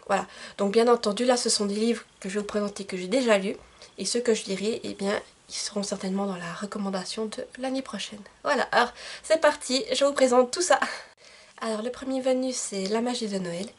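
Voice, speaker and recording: A woman's voice: mid-range voice, brisk, slightly rough. A woman book vlogger chatting casually to camera about book recommendations, with many fillers and restarts. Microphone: camcorder.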